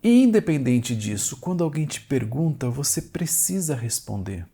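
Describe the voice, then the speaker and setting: Man, gravelly, mellow, explanatory talk to camera, short repeated phrases. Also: mid-range voice, very animated, normal speed. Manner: speaks straight to the viewer in short repeated phrases. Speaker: family communication educator.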